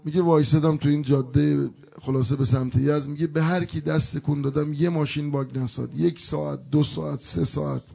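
A man's voice: on the high side, fairly even intonation, gravelly, warm tone, husky. A male preacher delivering a mourning sermon, telling a story with emotion and breaking into plaintive chanted elegy.

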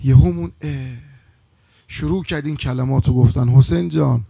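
Gravelly preacher man, dry close sound. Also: no echo. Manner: swings from hushed to loud, high-pitched emotional outbursts; drawn-out chanted Arabic phrases. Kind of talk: storytelling sermon.

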